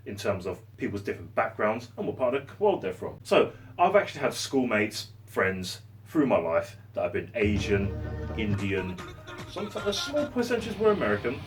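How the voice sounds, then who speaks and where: Low-voiced man, lively swooping pitch, passionate ranting, mic a bit far off. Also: normal speed, soft background music. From London. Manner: passionate, rambling, sarcastic. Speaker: vlogger. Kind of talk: opinion rant to camera. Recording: voice set back from the mic.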